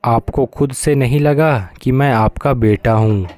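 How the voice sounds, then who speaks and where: Bitter, accusing young son in a storybook, read by a man with a warm, dry voice. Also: mid-range voice, measured pace, no room sound, natural voice. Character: hurt, angry young man breaking with his father.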